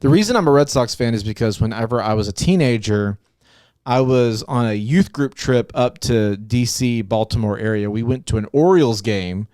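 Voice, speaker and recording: A man's voice: mid-range voice, moderate pace, darkish tone, no echo, studio quality. A man from Arkansas co-hosting a podcast, chatting casually, rambling with many restarts and easy laughs. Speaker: podcast co-host. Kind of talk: casual chat.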